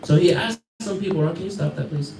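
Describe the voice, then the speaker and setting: American man, fairly high voice, classroom storyteller, roomy echo, mic a way off, faint hum behind. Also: quick pace, dark tone. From United States. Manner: conversational, quizzes listeners, chuckles through anecdotes. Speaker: teacher. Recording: echoey room, mic far off, faint background hum.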